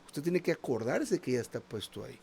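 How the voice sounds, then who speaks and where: A man's voice: mid-range voice, big pitch swings, brisk, creaky, darkish tone, slight background noise. A man preaching a sermon in a conversational tone, often asking the congregation "¿verdad?" and repeating small words as he searches for the next phrase.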